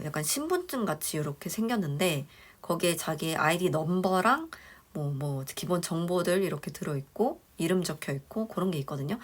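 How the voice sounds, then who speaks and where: A woman teaching English phrases for a dental clinic front desk, explaining step by step and slowing down for each English phrase. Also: fairly low pitch. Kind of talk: spoken lesson.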